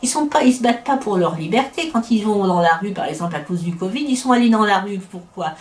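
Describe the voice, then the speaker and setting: In a casual interview with a roomy echo, a talkative, opinionated middle-aged Frenchwoman keeps breaking off and restarting her sentences. Her voice is medium-pitched, animated, fast and a little mellow.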